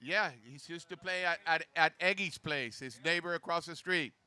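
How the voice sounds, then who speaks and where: A man's voice: on the high side, moderate pace, pushed and bright, clear, resonant tone. A man from Puerto Rico co-hosting a surf contest, chatting casually and informally between live score calls. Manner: informal, chatty, switches into Spanish for asides. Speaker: local surf contest co-host and announcer. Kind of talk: casual live commentary and chat.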